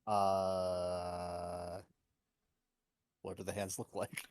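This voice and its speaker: A man's voice: sits low, completely flat delivery, very slow, clean tone, no echo. A man playing a tabletop role-playing game who thinks aloud and hesitates often. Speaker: player.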